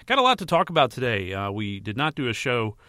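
A man's voice: mid-range voice, huge pitch swings, fast, sharp tone, no echo, clean studio sound. Under-the-weather man hosting a casual podcast. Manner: informal, rambling, mildly profane. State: recovering from a virus, slightly under the weather. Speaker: podcast host and movie and TV editor. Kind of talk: casual solo podcast talk.

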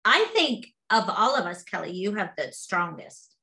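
A woman's voice: mid-range voice, big pitch swings, moderate pace, bright, forceful tone. A middle-aged woman from Pittsburgh with a Pittsburgh accent, chatting casually as a podcast co-host. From Pittsburgh, USA. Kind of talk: casual chat.

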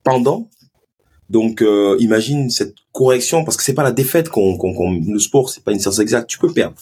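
A man with a Marseille accent, a former pro footballer, telling stories in a lively, animated way during a casual podcast interview. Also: lowish voice, normal speed, slightly rough. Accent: Marseille French. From Ivory Coast and Marseille. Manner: animated, lively storytelling with many restarts. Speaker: guest, former pro footballer turned sports marketing agency head.

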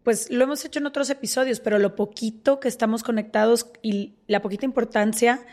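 A woman co-hosting a podcast interview, reflecting aloud in a calm, conversational way. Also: fairly high pitch, fairly quick. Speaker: podcast co-host.

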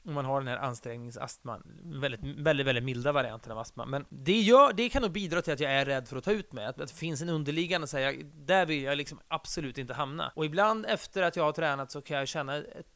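A man's voice: on the high side, hardly any pauses, a bit bright. A middle-aged man chatting casually on a podcast, rambling and self-deprecating, with casual swearing. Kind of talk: casual conversation.

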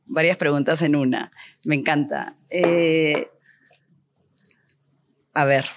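With a low voice, fairly even intonation and a slow pace, a Peruvian woman who works as an architect and designer tells stories as an interview guest. She's animated in this conversational storytelling, acting out bits of dialogue she remembers.

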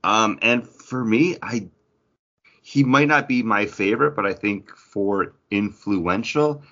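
A podcast co-host in a casual group discussion about comics lays out his views conversationally. His voice is lowish and slow, sounding pushed and bright, with the highs cut off.

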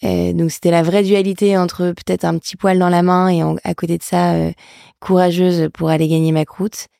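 Gravelly-voiced businesswoman from northern France. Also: fairly low pitch, moderate pace, no room sound, clean studio sound. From Lille, northern France. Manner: relaxed, frequent hesitations. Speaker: entrepreneur guest. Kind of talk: interview conversation.

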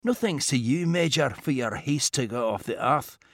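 A man voicing a calm, precise inventor who speaks in a measured, quiet and faintly reproachful way. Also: mid-range voice, dry recording, clean studio sound.

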